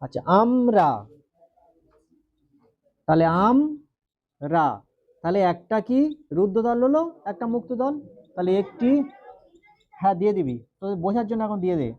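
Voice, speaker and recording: A man's voice, sitting high and moving at a quick pace, belongs to a teacher giving a grammar lesson in a West Bengal Bengali accent. He asks questions, drills students, and stretches syllables, with the recording's highs cut off.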